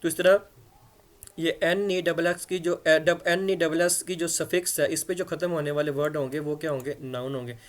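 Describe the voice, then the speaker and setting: Male grammar teacher, a bit high-pitched, chatty explainer who spells words aloud. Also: fairly even intonation, moderate pace. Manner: conversational, checks understanding with repeated "theek hai". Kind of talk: explanatory lesson in Hindi-Urdu.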